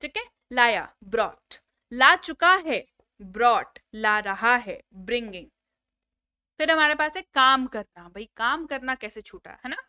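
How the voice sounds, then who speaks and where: Woman, English tutor, slow and deliberate drills, fairly high, clear bright voice. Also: animated, no echo, studio quality. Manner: slow, drilling word lists with call-and-response prompts. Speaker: English teacher. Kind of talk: spoken English lesson.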